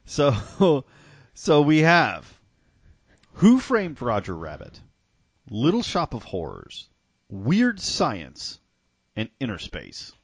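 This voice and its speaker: A man's voice: medium pitch, huge pitch swings, slow, long pauses, husky, no room sound. Teasing, laughing middle-aged man. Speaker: podcast host. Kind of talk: casual chat.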